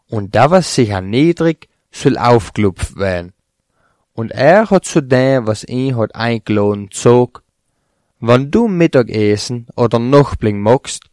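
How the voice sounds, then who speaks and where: A man reading a Bible chapter aloud in a steady, plain voice, lifting slightly on quoted speech. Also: mid-range voice, dry recording, clean studio sound. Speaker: scripture reader.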